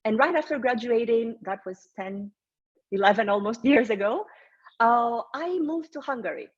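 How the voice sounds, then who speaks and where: A woman's voice: fairly high pitch, animated, normal speed, breathy edge, dull audio. A woman in her thirties from Greece, a career strategist presenting a webinar in an encouraging, conversational way with fillers and restarts.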